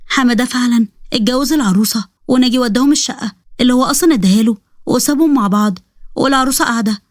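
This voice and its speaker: A woman narrates a story in an Egyptian Arabic accent. Her delivery is rapid and matter-of-fact, and the recording is close and dry. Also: fairly high pitch, no echo.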